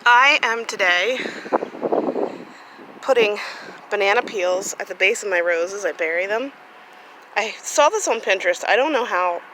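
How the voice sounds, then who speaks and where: Outdoors in a sunny home garden, a gardening vlogger walks through her plants talking into a handheld phone camera. Her mid-range voice is animated and unhurried, with frequent pauses and plenty of fillers in this casual walk-through vlog. Background noise is audible.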